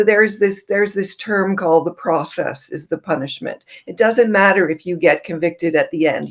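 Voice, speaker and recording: A middle-aged woman from Canada, a guest author and former journalist, talking earnestly in a casual podcast conversation with many ums. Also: on the low side.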